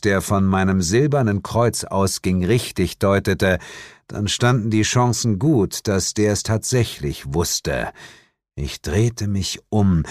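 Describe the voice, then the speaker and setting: Low, expressive male audiobook narrator. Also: no room sound, studio quality. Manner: wry, dryly humorous. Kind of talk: first-person audiobook reading.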